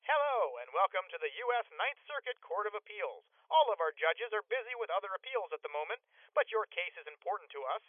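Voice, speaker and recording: A man's voice: sits high, big pitch swings, brisk, phone-quality sound. A man playing a blandly polite automated government phone menu voice, with formal, stilted prompts in a scripted comedy parody.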